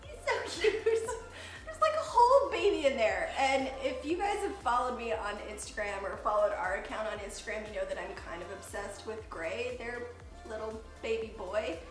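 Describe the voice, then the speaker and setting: A woman's voice: fairly high pitch, animated, moderate pace. A woman co-hosting a casual chat to camera, bubbly and joking, given to exclamations. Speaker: video creator, co-host. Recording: roomy echo, faint music behind.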